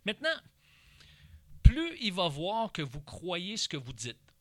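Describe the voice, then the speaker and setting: A man's voice: high-pitched, slow, dry recording. A man with a Québécois accent giving instructional parenting advice, now and then acting out what parent and child say. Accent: Québécois French. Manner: animated, briefly acts out parent and child lines. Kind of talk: instructional talk.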